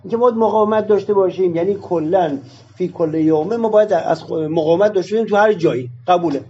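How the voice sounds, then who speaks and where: A man's voice: sits high, warm tone, highs cut off. A man arguing his point in a discussion session, explaining it through rhetorical questions.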